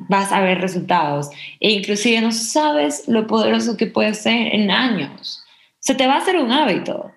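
A young adult woman hosting a motivational podcast, talking earnestly and encouragingly straight to her listeners. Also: mid-range voice. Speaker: podcast host. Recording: echoey room.

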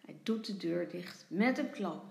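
A woman kindergarten teacher reading a picture book aloud to young children, with expressive storytelling. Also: on the low side, measured pace, creaky. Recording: roomy, echoey sound.

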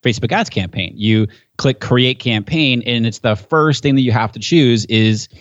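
A man's voice: medium pitch, normal speed, no room sound. Man, podcast guest, enthusiastic explainer, conversational, dry, slightly muffled audio. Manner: enthusiastic, gets pumped up and animated.

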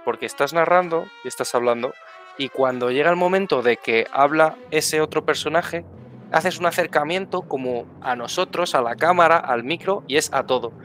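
A man's voice: on the high side, moderate pace, a bit bright, faint music behind. A man, a tabletop game player giving effusive feedback in casual chat, repeating words for emphasis.

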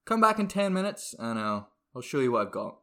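A man's voice: mid-range voice, very animated, a little fast, bright, forceful tone. A man playing a brash, irritable, eccentric ad agency boss in a comedy script, volatile and blustering. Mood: cocky. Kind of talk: comedy script read aloud.

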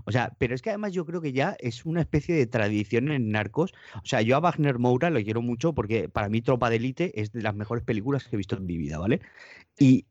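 A man's voice: mid-range voice, animated, fast talker, a little mellow, dry recording. A man from in a casual podcast chat, telling things in a sarcastic, joking way. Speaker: podcast co-host. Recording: dull, slightly lo-fi mic.

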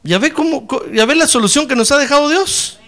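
A man preaching a fiery sermon in church, dropping to low asides and then rising to shouted praise. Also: brisk. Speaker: pastor.

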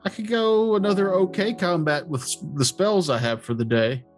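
A man's voice: sits high, normal speed, faint music behind. A man playing in a tabletop game, making dry jokes in hesitant, casual talk. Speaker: player.

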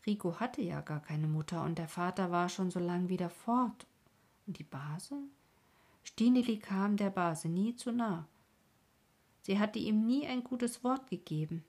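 A woman narrating a children's storybook in a calm, gentle way, often sinking into a half-whisper. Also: mid-range voice, a little slow. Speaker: audiobook narrator.

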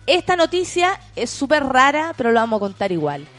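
A woman's voice: sits high, sing-song, brisk, a bit bright, soft background music. A woman with a Chilean accent hosting a morning show, chatting and reading the news and listener messages, giggly and theatrical. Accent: Chilean Spanish. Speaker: morning radio host. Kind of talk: casual chat and news reading.

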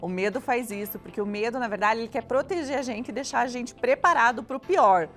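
A woman co-hosting a casual chat, animated, laughing often and talking straight to the listeners. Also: fairly high pitch, a little fast, faint music behind. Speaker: co-host.

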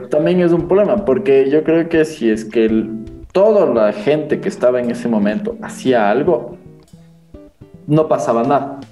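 A man speaks in casual chat with a warm, dark tone. He reasons out his points in a measured, reflective way. The room echoes around him and soft guitar plays faintly behind. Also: medium pitch. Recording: roomy echo.

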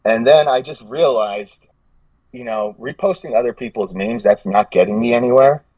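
A man's voice: mid-range voice, moderate pace, a little mellow, no echo, recorded from a distance. A man telling stories in a casual podcast chat, rambling and restarting his sentences as he goes. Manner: rambling, self-correcting storyteller with frequent restarts. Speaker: podcast guest, gym meme page creator.

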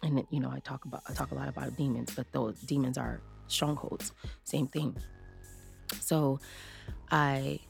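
A woman's voice: rumbling low, steady tone, a little slow, gravelly, faint music behind. A woman in her thirties hosting a podcast, giving a heartfelt personal motivational talk with lots of fillers. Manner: heartfelt, rambling, many fillers. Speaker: podcast host.

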